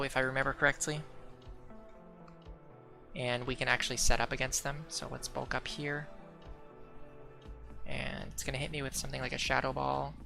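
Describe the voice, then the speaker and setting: A man's voice: medium pitch, gravelly, bright, forceful tone. A young man casually commenting while streaming a game, rambling with lots of fillers and restarts. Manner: rambling, many "like" fillers, self-correcting. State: hiccuping. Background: faint background music.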